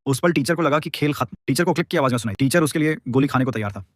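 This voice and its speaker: A man narrating a dramatic story in a rapid, tense scripted style. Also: mid-range voice, no echo, studio quality.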